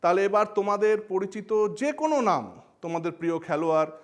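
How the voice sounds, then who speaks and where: A man's voice: high-pitched, animated, fast talker. A man with a Bengali accent teaching a grammar lesson, playful and speaking straight to his students with questions. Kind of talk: educational explainer lesson.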